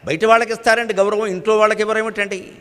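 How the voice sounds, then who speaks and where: High-voiced older man preaching in a hall. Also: little pitch movement, fairly bright tone. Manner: chants Telugu verses slowly, then explains in conversational asides. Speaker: spiritual lecturer. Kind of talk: religious discourse with chanted verses. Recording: long hall reverb.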